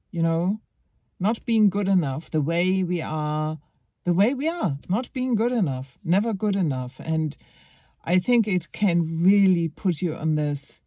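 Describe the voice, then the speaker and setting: Slow, rambling woman musing aloud. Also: deep voice, warm tone, no echo. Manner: rambling, hesitant, with frequent laughs and restarts; wry, sarcastic asides. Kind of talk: casual reflective monologue.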